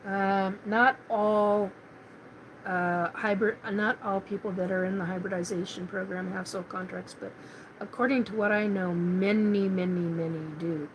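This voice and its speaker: A woman's voice: medium pitch, fairly even intonation, normal speed, slight background noise, rough recording. A middle-aged woman from Washington State hosting a live paranormal chat, rambling casually with many fillers and restarts. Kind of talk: casual live-stream monologue.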